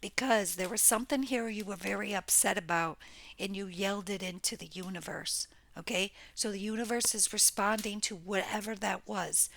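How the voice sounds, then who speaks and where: In a home room by a window, this tarot reader speaks at a normal speed with a steady, mid-range voice that's gravelly and a bit bright, over a faint hiss or hum. Her casual reading for viewers is blunt, full of exclamations and the occasional swear word.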